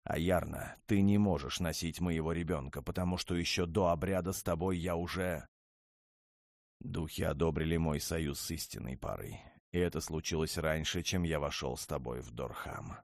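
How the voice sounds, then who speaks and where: A man voicing a commanding male dragon lord in an audiobook, speaking in a low, measured, restrained way. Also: vocal fry, darkish tone, no echo, clean studio sound. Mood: calm.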